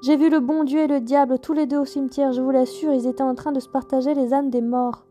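A woman's voice: high voice, little pitch movement, fast talker, dark tone, soft background music, close to an everyday voice. A woman voicing a frightened village sexton insisting on what he saw, in a folk tale. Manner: shaky, insistent.

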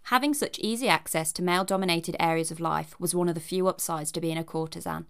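A woman's voice: lowish voice, fast talker, vocal fry, smooth. A woman giving a scripted narration with chatty asides in a wry, cheeky, conversational manner.

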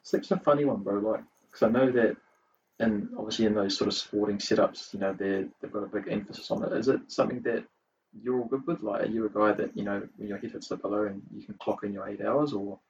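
A man's voice: fairly low pitch, steady tone, fast talker, a little mellow. A man with a New Zealand accent interviewing as a podcast host in casual, slangy, hesitant phrasing. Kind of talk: casual chat. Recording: dull, distant mic with faint noise.

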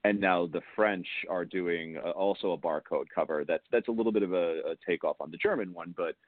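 A man's voice: low-pitched, fairly quick, no echo. A man in his thirties, an author, chatting in a rambling, casual way, heard over a phone-like call line. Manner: rambling, chatty, self-correcting. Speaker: crime fiction author, interview guest. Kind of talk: casual interview chat. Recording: dry, tinny phone-like call audio.

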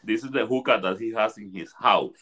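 A man's voice: on the low side, fairly quick, bright, forceful tone. A man who works as an ayahuasca facilitator, retelling a participant's experience in a podcast chat, often repeating words and restarting phrases.

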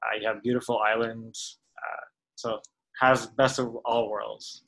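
A man in his late twenties who grew up in Tanzania answers interview questions on a podcast. His voice is bright and forward, and he speaks in a relaxed way, pausing on "uh" often. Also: fairly low pitch, vocal fry, low-quality recording. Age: late 20s. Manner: relaxed, with frequent "uh" hesitations. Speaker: podcast guest. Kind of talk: casual interview.

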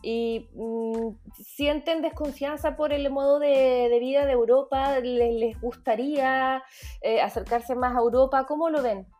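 Woman host asking questions, slightly high voice, halting delivery. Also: steady tone, darkish tone, faint music behind. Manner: asks questions with hesitant fillers. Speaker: interviewer. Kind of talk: interview questions.

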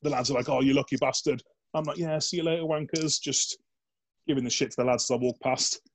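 A man's voice: medium pitch, steady tone, quick pace. Chatty man swapping army stories. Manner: chatty and blokey, peppered with "like" and swearing, acts out quoted dialogue. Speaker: guest, former soldier. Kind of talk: casual anecdote telling in a podcast interview.

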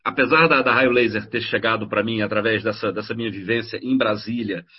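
Brazilian comics critic, middle-aged man, rambling, lively storytelling, slightly husky and higher-pitched voice, lo-fi audio. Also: fairly quick. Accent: Brazilian Portuguese. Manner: rambling, animated storytelling with many restarts. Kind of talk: casual podcast conversation.

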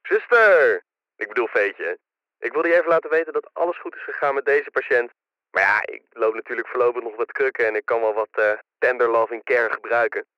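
A man's voice: mid-range voice, a little fast, no echo. Guy doing a flirty patient leaving a teasing voicemail, dull lo-fi phone sound, dry. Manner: playful, teasing. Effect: voicemail message played back.

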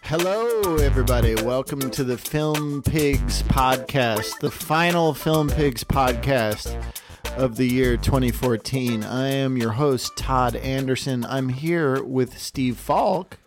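A man hosting a casual podcast, speaking in a measured, unhurried way. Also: medium pitch, over music. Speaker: podcast host. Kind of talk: casual chat.

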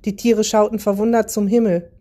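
A woman narrating a children's Christmas story in a calm, even reading style. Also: medium pitch, a little fast.

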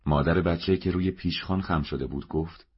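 Very deep husky male narrator. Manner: steady measured reading. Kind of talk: audiobook narration. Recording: dull lo-fi recording.

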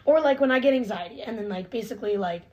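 A nineteen-year-old woman chats casually in a fairly high, warm voice, talking fast over lo-fi sound. She's earnest and self-reflective, and she says "like" constantly.

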